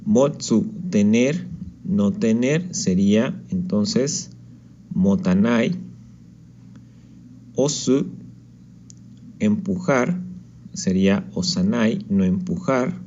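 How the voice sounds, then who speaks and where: Male teacher, slow and patient, mellow tone, dull lo-fi recording. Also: lowish voice, slight background noise. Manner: patient, checks in with "¿ok?". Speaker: Japanese teacher. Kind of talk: slide-based language lesson.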